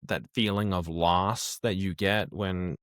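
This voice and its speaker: Earnest, halting man host. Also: low-pitched, fairly even intonation, no echo, clean studio sound. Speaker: podcast host. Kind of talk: casual chat.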